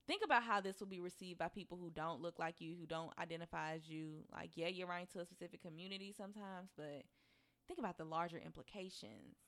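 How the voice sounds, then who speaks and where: A woman co-hosting a podcast in casual chat, animated and talking in quick asides with frequent laughs. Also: on the low side. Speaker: podcast co-host.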